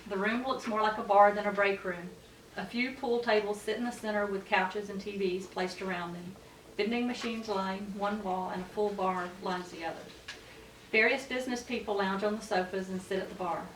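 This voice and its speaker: A woman narrates the stage directions at a scripted table read, her mid-range voice moving at a moderate pace with fairly even intonation. The mic sits at a distance in an echoey room, with faint noise in the background.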